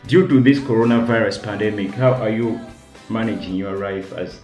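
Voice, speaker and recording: A man's voice: lowish voice, normal speed, darkish tone. A man co-hosting an interview, asking brief, direct questions. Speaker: co-host. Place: small studio room, indoors. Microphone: studio mic with headphones. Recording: echoey studio room with music under.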